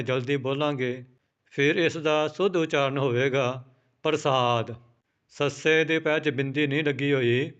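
Slow, clear-voiced teacher. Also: male voice, medium pitch, a bit bright, highs cut off. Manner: spells out each word letter by letter, then repeats it slowly. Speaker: Gurbani pronunciation teacher. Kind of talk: slow, careful recitation lesson.

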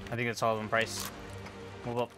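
A man's voice: mid-range voice, monotone, brisk, loud music behind the voice. A man giving casual commentary while recording a video game walkthrough. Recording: gunfire and game noise behind.

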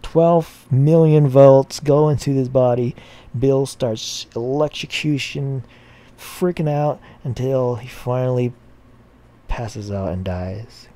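A man telling a long anti-joke in a slow, plain, rambling way. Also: mid-range voice, warm tone. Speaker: storyteller.

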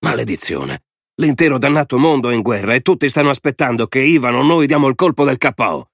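A man voicing a brash, gruff male air force general who swears in an audiobook reading. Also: low-pitched, brisk, a bit bright, no room sound, clean studio sound.

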